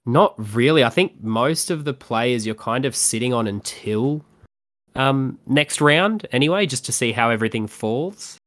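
A man's voice: mid-range voice, lively intonation, measured pace, fairly bright tone. A man co-hosting a podcast in casual sports fantasy chat. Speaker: podcast co-host.

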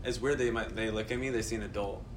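A man's voice: on the low side, fairly even intonation, fast talker, slight background noise. A man in his twenties co-hosting a casual chat, full of slang and profanity. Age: 20s. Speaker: podcast co-host.

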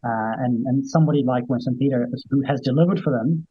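A man with a husky, slightly rough voice talks politics as a guest commentator. He speaks conversationally and haltingly, circling back over his phrases. The sound is dry, dull and lo-fi. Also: mid-range voice, no room sound. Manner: hesitant, repeats phrases. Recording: dull, lo-fi remote audio.

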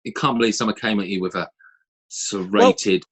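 A man with a husky voice hosting a casual, chatty podcast. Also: on the low side, fairly even intonation, moderate pace. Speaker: podcast host. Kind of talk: casual chat.

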